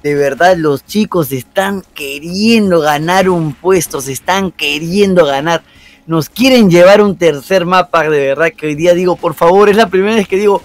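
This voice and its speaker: A man with a slightly high voice co-casts a tense esports match. He leans on repeated phrases with emphatic relish. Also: normal speed. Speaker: esports caster. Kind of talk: live esports commentary.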